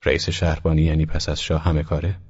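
A man reading aloud, voicing a poised, well-bred young woman who speaks with lifted pitch. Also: level tone, darkish tone, husky, dull audio. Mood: earnest. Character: woman narrator, refined young lady.

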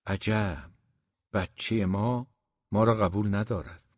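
Angry stubborn dad yelling at his kid, guy reading it in his own low voice, kinda muffled dry audio. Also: fairly even intonation, no room sound, natural voice. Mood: scornful. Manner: scornful, shouting outbursts. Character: stern, stubborn, hot-tempered middle-aged father.

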